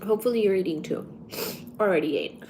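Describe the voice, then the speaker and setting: A woman's voice: medium pitch, fast, noisy background. A woman livestreamer chatting casually in short, playful, drifting remarks. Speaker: live streamer hosting a study stream.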